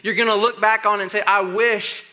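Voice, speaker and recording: Bright, high-voiced youth pastor preaching. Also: male voice, very fast. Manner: animated, acts out quoted voices. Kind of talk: youth sermon storytelling. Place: church youth room.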